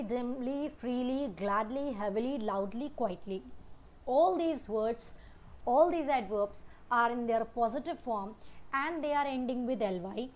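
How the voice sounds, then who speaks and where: A woman's voice: a little high, darkish tone. A woman teaching English grammar with an Indian English accent, explaining rules and reading word lists aloud. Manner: mixes English and Hindi explanations.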